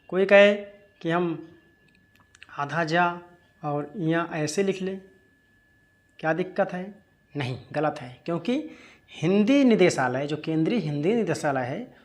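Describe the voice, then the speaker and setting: Guy teaching hindi spelling, bit high voice, keeps quizzing himself. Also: fairly bright tone. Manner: asks and answers his own questions, repeats words slowly. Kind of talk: spelling lesson.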